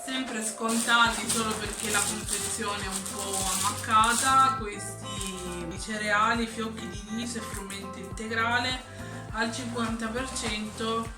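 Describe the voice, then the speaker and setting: A woman's voice: on the high side, fairly even intonation, measured pace. A woman still getting over the flu, casually presenting a grocery haul item by item. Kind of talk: casual item-by-item shopping narration. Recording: roomy echo, distant mic, music behind. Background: music.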